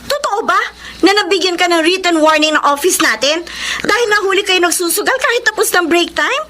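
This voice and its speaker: A woman's voice: very high-pitched, fairly quick, sharp tone, a little hiss or hum. An actress playing a young woman who reproaches her boyfriend in a radio drama. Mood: reproachful. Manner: reproachful, scolding. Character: young woman, sharp-tongued girlfriend.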